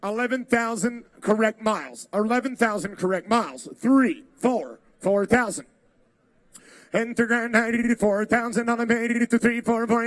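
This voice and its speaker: A man's voice: very high-pitched, no room sound. A man working as an auctioneer, calling bids in a rolling, repetitive chant of numbers. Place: live car auction.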